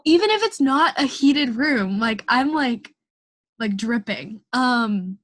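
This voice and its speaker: A woman's voice: on the high side, expressive, slow, fairly bright tone. A young woman chatting casually about dance training, rambling and full of "like" and "um". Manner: rambling, heavy use of "like". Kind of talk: casual chat.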